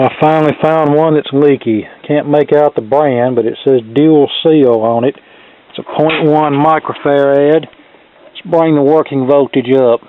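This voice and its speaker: In his workshop video, a middle-aged hobbyist repairman chats casually through a hands-on fix, his speech folksy and plain. The voice leans high, with slight background noise over a tinny, phone-like, close and dry recording.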